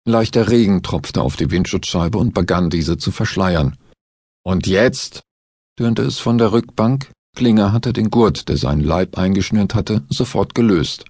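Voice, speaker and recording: A male audiobook narrator reads a detective thriller in a measured storytelling manner. His voice is low and husky, recorded dry and close with no room around it. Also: lively intonation, a little mellow, no echo. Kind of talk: scripted narration.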